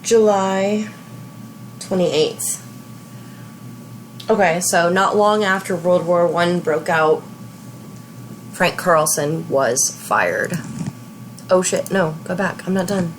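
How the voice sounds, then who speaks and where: A woman in her thirties hosts a let's play with casual, chatty commentary. She talks slowly and in a relaxed way. Her voice sits a little low. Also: slight background noise, rough recording. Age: 30s. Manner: chatty, relaxed, slow talk.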